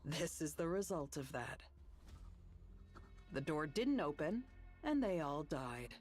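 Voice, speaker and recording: Low, curt and dismissive; weary, cold game fighter. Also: female voice, very animated, slow, a little mellow, soft background music, exaggerated voice. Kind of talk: video game voice acting.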